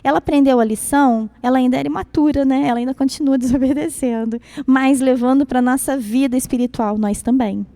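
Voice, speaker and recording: A woman's voice: sits high, fairly even intonation, a little fast, hardly any pauses, warm tone, no echo. A woman in her thirties with a Brazilian accent, preaching to a youth service in a conversational way and often adding tag questions. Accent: Brazilian Portuguese. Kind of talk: sermon with personal stories.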